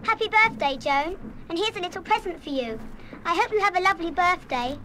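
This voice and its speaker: A woman's voice: very high-pitched, expressive, brisk, background noise. An actress playing an impulsive, good-hearted schoolgirl of about eleven in a children's radio play, with an eager, emphatic delivery. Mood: cheerful, coaxing. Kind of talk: 1970s full-cast children's radio play acting.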